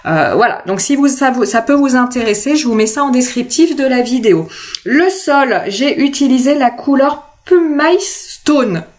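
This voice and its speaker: A woman's voice: high-pitched, animated, normal speed. A woman from France talking through a craft tutorial in a casual, chatty way, with many hesitations and self-corrections. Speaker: craft video host.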